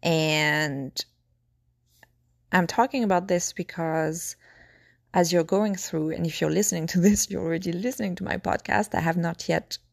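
A woman with a fairly low voice chats through her own podcast on a phone, sounding a little hoarse as she loses her voice. She talks in a reflective, chatty way and ticks off her points one by one. The sound is dry and close, with no room around it. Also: normal speed, dry recording. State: slightly hoarse, losing her voice. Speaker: podcast host. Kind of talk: casual solo podcast chat.

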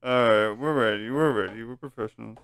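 A man's voice: on the low side, quick pace, a bit bright, dry recording, studio quality. A man hosting a podcast in casual chat, laid-back and stumbling over his words as he goes. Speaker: podcast host.

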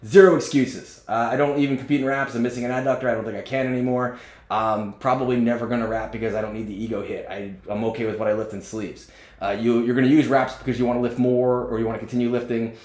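Fast-talking blunt man in his forties. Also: medium pitch, level tone, a little mellow, roomy sound. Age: 40s. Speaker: strength coach and podcast host. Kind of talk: casual podcast chat.

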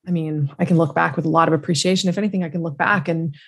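A middle-aged woman, a marketing entrepreneur, talking casually as a podcast guest and acting out her old sales pitches in lively little bits. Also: racing, vocal fry, slightly rough. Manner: animated storyteller who acts out her own cold-call pitches. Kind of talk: casual interview conversation.

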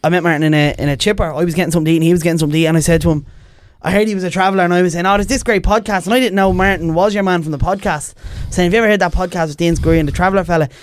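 A man's voice: sits high, steady tone, very fast, hardly any pauses. A man in his twenties with a Dublin Irish accent, telling stories colloquially in casual podcast chat. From Ballymun, Dublin, Ireland. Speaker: podcast guest.

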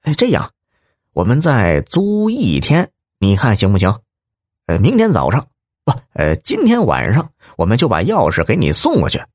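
A man playing a gruff, low kidnapper. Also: wildly swooping pitch, normal speed, dry recording, studio quality. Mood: gruff, scheming. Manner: gruff, blustering, swearing. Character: tall gruff male kidnapper, bossy. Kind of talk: audiobook character voice.

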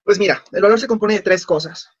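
Animated high-voiced man telling a story. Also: quick pace, husky, no echo, lo-fi sound. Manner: animated, acts out quoted dialogue. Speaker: guest. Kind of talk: casual storytelling in an interview.

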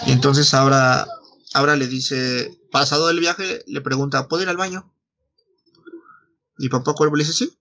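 A man's voice: medium pitch, fairly bright tone, highs cut off. A Mexican man retelling a story in casual chat, slangy and foul-mouthed, acting out the dialogue as he goes. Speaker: podcast host retelling a story.

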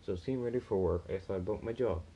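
A man's voice: low-pitched, fast talker, mellow, dull audio, a little hiss or hum. A man reading a first-person story aloud, plainly, with small slips and restarts.

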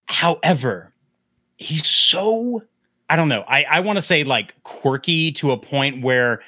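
Bright, lively man chatting about a film. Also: on the high side, slow pace, dry recording. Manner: animated, acts out quotes in a breathy whisper. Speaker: podcast host. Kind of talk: casual film discussion.

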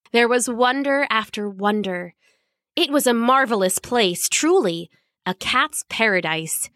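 A woman narrating a children's storybook in an expressive, lively reading. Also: a little high, no echo, clean studio sound.

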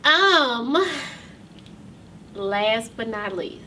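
A woman's voice: on the high side, lively intonation, extremely slow, sharp tone, far from the mic, a little hiss or hum. A woman hosting her own podcast and talk show, speaking casually to viewers in a loose, chatty way with many ums, close to tears.

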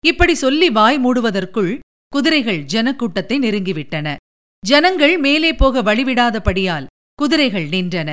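A woman reading a historical novel aloud as an expressive audiobook narrator. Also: fairly high pitch, measured pace.

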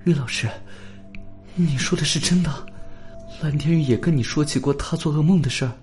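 A man's voice: mid-range voice, a little fast, vocal fry, darkish tone, soft background music, natural voice. A man reading an audiobook voices a frightened, agitated teenage boy with tense, pleading speech. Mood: shocked.

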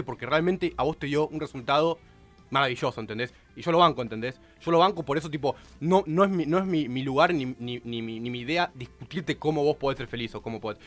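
Fast, excitable Rioplatense man. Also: on the high side. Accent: Rioplatense Spanish. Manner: rapid, excitable, many restarts. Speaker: radio show host. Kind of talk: heated radio panel debate.

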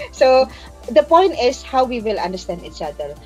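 A woman's voice: a little high, sing-song, a little slow, darkish tone, dull audio, faint music behind. A woman, an organizer answering in an interview with passion, explaining emphatically and repeating phrases to drive points home. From Indonesia. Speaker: migrant workers' organizer and activist.

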